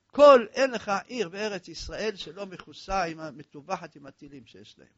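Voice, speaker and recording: A male preacher giving an impassioned eulogy sermon that swings between loud cries and hushed, low passages. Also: expressive. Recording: dull lo-fi recording.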